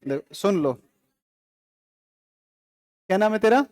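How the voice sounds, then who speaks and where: Male teacher, live classroom lecture, high voice, quick quizzing and banter. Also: expressive, darkish tone. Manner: quizzing students with quick questions and answers; casual, joking with the class.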